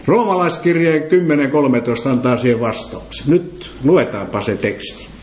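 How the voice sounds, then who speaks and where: A man preaches to a gathering in a roomy, echoing hall, pressing his points with emphasis. He keeps turning questions back to the listeners as he teaches. His voice sits at an ordinary middle pitch. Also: a little mellow, a little hiss or hum. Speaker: preacher leading a Bible study. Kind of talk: interactive sermon. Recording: roomy echo.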